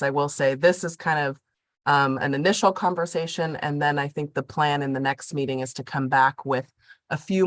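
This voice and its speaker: A woman's voice: low-pitched, no room sound. A woman presenting informally at a public meeting, explaining things conversationally while getting over a cold that leaves her voice prone to cracking. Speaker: program staff presenter.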